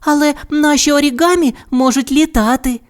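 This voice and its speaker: A squeaky little girl bunny, played by a woman, bursts out in a very high voice. Her pitch leaps up and down as she exclaims. She is a storybook character for small children. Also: animated, unhurried. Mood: excited.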